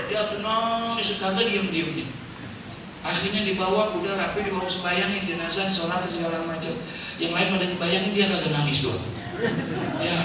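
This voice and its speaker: A middle-aged man with a Betawi Jakarta accent preaching a comic sermon, telling jokey stories and acting out the voices of the people in them. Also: a little high. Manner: jokey, acts out quoted voices, shouts punchlines. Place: outdoor market gathering. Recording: echoey distant PA sound, noisy crowd.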